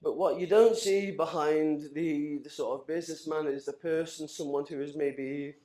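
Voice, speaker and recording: A man's voice: on the high side, steady tone, normal speed, mellow, roomy sound. A man in his thirties giving a rambling, emotional best man speech after a few drinks. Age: 30s. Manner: rambling, emotional, laughing between lines. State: tipsy. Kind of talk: wedding speech. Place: wedding reception hall.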